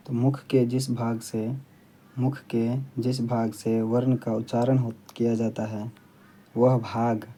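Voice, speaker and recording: In a classroom grammar lesson with slight background noise, a medium-pitched man explains things plainly and steadily to his students. He repeats the main points so they stick and says "ठीक है" often.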